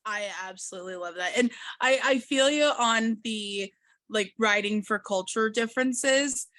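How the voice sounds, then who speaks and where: Bright, dry-sounding American woman host. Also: on the high side, a little slow, no echo. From American Midwest and South. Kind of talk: casual interview chat.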